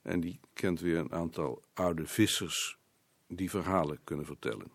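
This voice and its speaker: An actor playing an irritable husband in a film drama, gruff and quick to flare up. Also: male voice, low voice, no echo. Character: grumpy middle-aged husband, short-tempered.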